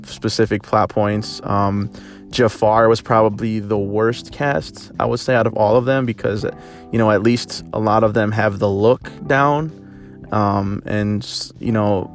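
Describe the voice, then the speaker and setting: A man's voice: fairly low pitch, steady tone, unhurried, soft background music. A young man giving a casual spoken film review, hesitant, with lots of filler words and restarts. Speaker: movie reviewer.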